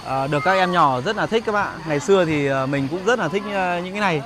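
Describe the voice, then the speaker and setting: A man's voice: high voice, fast. A man giving casual, hesitant walking-tour commentary as a vlog host, searching for words at an outdoor market. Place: busy outdoor market and street. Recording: noisy outdoor market ambience.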